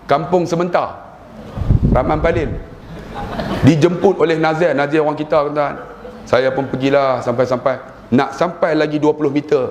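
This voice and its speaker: A middle-aged man with a Malaysian Malay accent preaches to a gathered congregation. He tells his stories with animated humor and slips into other people's voices as he goes. His voice rings through a roomy hall over a faint bed of ambience. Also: on the high side, normal speed, long pauses, a little hiss or hum. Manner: animated storytelling, acting out quoted voices with humor. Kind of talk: religious lecture to a congregation.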